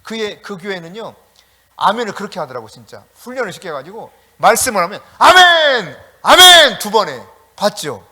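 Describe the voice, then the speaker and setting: A middle-aged male pastor giving a sermon, animated and storytelling, talking directly to the congregation with chatty asides. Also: high-pitched, a little fast, husky. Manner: animated preaching with shouted calls.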